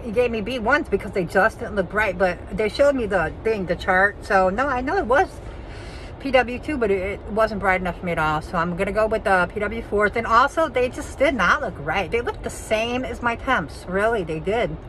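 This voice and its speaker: A woman's voice: mid-range voice, animated, moderate pace, a bit bright, a little hiss or hum, poor audio. A woman in her fifties talking through a face mask, chatting frankly and rambling in a casual vlog, filmed outdoors on a phone held at arm's length. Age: 50s. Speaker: vlogger.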